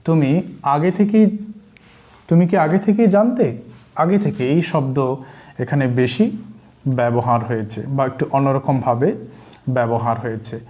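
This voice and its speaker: A man with a Bengali accent teaching spoken English, explaining slowly and repeating example sentences in two languages. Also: mid-range voice, darkish tone. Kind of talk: language lesson.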